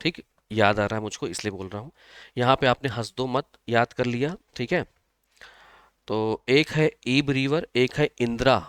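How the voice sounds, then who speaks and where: A man's voice: medium pitch, moderate pace, fairly bright tone, clean tone, dry recording. A man teaching geography in a live online exam-prep class, often repeating himself, checking with students and giving memory tricks.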